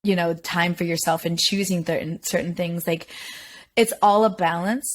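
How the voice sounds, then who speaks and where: A woman's voice: on the low side, steady tone, normal speed, a little hiss or hum. A woman hosting a podcast, chatting candidly and laughing often while sharing anecdotes. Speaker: podcast host. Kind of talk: conversational podcast interview.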